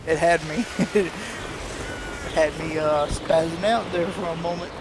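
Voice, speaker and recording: A man's voice: fairly high pitch, steady tone, measured pace, background noise. Rambling, cursing young male streamer. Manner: rambling, heavy swearing, laughs at himself. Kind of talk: casual live-stream chat.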